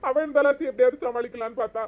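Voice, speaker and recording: A woman's voice: sits high, steady tone, very fast, a little mellow, highs cut off. Exasperated woman. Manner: exasperated, mixes in English words. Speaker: comedy sketch performer. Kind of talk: comedy sketch acting.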